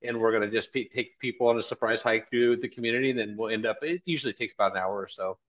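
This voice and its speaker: A man in his fifties, a college marketing director and event organizer, talks fast in a fairly low, fairly bright voice. He's an earnest guest on a casual video-call interview, often repeating phrases, from a small indoor office with dull, lo-fi call audio.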